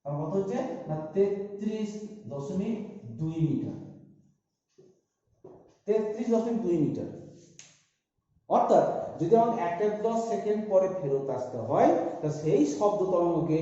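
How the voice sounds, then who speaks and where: High-voiced male physics teacher, echoey hall. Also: animated, measured pace, pauses often, warm tone. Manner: works through sums aloud, asking and answering himself. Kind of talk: classroom lecture. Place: large echoey room. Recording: echoey hall, dull lo-fi sound.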